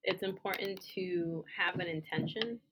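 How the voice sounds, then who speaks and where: A woman's voice: lowish voice, unhurried, noisy background. Frank, laughing woman podcast co-host. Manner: frank, swears freely, laughs often. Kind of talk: casual podcast chat.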